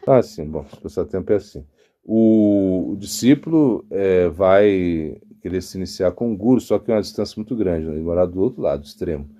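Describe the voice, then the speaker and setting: Animated Brazilian monk, mellow voice. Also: male voice, low-pitched, fairly quick. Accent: Brazilian Portuguese. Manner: animated storytelling, acts out quotes, frequent restarts and stammers. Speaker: monk giving a spiritual talk. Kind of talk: informal devotional sermon.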